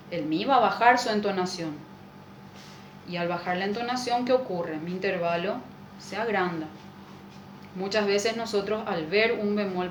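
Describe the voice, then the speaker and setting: A woman, a music teacher patiently explaining a lesson and checking in with rhetorical questions. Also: medium pitch. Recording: echoey room with faint noise.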